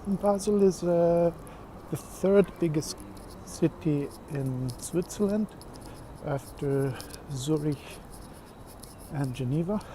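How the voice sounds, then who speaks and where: A vlogger, live-streaming a walk on city streets and narrating in an unhurried, hesitant way with fillers. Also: medium pitch. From Greece. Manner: unhurried, hesitant, pausing with fillers while walking. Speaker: vlogger giving a walking tour. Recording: loud outdoor street noise.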